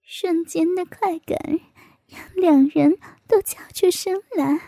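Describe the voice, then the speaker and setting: A woman narrating a story in a hushed, intimate whisper. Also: very high-pitched, slow pace, dry recording.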